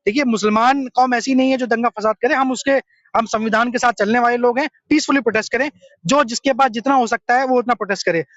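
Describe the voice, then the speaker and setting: A young man with a very high voice speaks earnestly in a street interview and explains his view point by point. His speech is dry and close, with a dull, lo-fi sound. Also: fast, fairly bright tone, no room sound. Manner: earnest, explanatory, mixes English terms.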